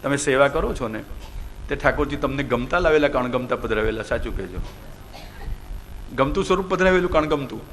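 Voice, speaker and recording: A man with a Gujarati accent preaching a devotional discourse, questioning his listeners and slowing down to stress key words. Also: medium pitch, expressive, fairly bright tone, slight background noise. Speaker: Bhagavat katha preacher.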